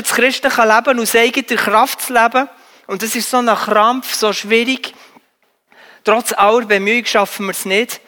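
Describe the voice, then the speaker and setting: A man preaching a sermon earnestly, pleading with his listeners and often pausing on filler sounds. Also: high voice, pushed and bright, big-room sound.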